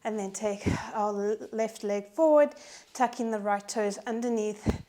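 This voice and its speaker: A woman's voice: mid-range voice, unhurried, warm tone. A woman leading a Pilates strength workout, out of breath as she cues each move, counts reps and encourages. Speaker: Pilates instructor. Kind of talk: guided workout instruction.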